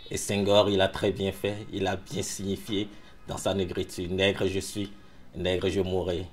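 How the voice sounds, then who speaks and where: Emphatic man with a low voice. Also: monotone, a little slow. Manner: emphatic, repeats phrases for rhythm. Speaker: interviewee. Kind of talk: impassioned testimony.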